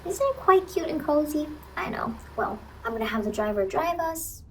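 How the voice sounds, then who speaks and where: In a horror ASMR roleplay, a woman plays a cheery yet eerie clown ice-cream vendor, softly coaxing and reassuring a child up close over background noise. Her high voice is expressive and chatty at a normal speed, though the recording is rough.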